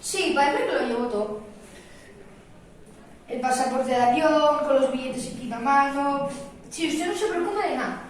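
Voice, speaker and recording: Eager, easily miffed traveller, played by a woman, Asturian accent, amateur stage comedy, distant echoing recording. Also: high-pitched. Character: self-important World Cup finalist, eager, easily miffed traveller. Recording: very echoey hall, distant mic, faint noise.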